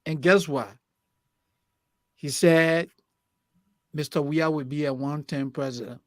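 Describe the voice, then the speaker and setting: A man on a talk show panel, speaking slowly and deliberately with many fillers. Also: a little high, steady tone, no room sound, clean studio sound. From Liberia. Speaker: co-host panelist.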